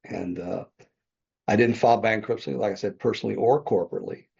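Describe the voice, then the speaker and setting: An older man with a gravelly tone tells his story as a guest on a podcast; he's a real estate developer. He talks fast in a fairly low, slightly mellow voice, rambling, correcting himself and chuckling often in conversational interview style. The podcast audio is dull and lo-fi.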